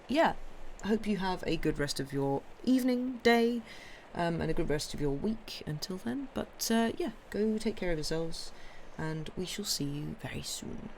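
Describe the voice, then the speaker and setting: A young woman who streams story readings talks with her audience afterward, her croaky, hoarse voice on the low side against slight background noise. She rambles in a warm, apologetic way, often saying um and starting over.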